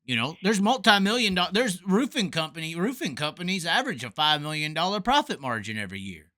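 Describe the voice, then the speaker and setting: Fairly high in pitch and fairly quick, a man hosts a call-in podcast on sprint car racing. He keeps things casual and opinionated while sounding animated, emphatic, and prone to saying things twice.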